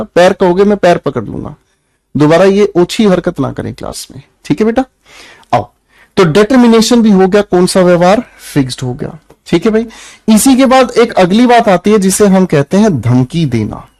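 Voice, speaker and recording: Young indian guy teaching english grammar in hindi, highish voice, keeps asking the class stuff, dry close sound. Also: darkish tone, dry recording. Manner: calls students "beta", asks the class questions, firm and preachy. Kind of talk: online class lecture.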